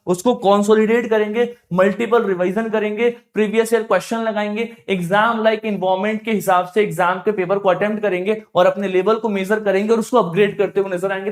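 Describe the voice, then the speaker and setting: Male exam coach with a high voice, mix, punchy self-questioning teaching style. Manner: emphatic, repeats key phrases, asks and answers own questions. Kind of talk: explanatory coaching talk.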